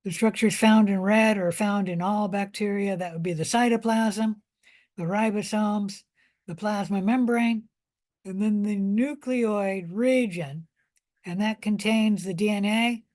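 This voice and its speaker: Slow, careful woman lecturing. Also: medium pitch, steady tone, darkish tone. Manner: slow, careful explaining with fillers and restarts. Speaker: biology lecturer. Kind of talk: recorded micro lecture.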